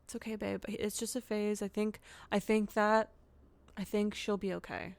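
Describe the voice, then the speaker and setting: A woman playing a calm, soothing husband. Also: normal speed, creaky, lightly acted. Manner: soothing, low-key. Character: calm, reassuring husband, a man.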